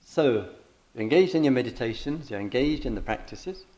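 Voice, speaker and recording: Deliberate, halting male meditation teacher. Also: medium pitch, animated, a little mellow, poor audio. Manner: deliberate, halting, repeats phrases. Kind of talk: question-and-answer spiritual dialogue.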